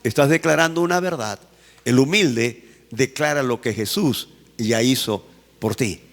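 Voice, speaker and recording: A man's voice: mid-range voice, measured pace, a bit bright, in a large hall. A male pastor preaching a sermon, emphatic, repeating phrases and asking the congregation to repeat after him.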